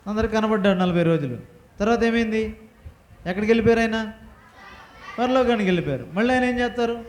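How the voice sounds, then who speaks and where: A man teaching a Bible lesson to children, firing questions at the class and having them repeat answers loudly. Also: high-pitched. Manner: quizzing the class with rapid questions. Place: church hall with children. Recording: echoey hall.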